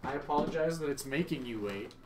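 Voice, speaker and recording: A man's voice: on the high side, animated, fast, music in the background. A man streaming a game live, commenting as he plays and chatting with viewers in a joking, profane way.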